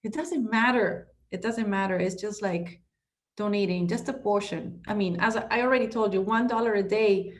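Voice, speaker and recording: Speaking at medium pitch and a moderate pace, a middle-aged Ecuadorian woman joins a podcast as a guest for a conversational interview about her work as a real estate broker. She's passionate and emphatic, full of restarts and "you know"s.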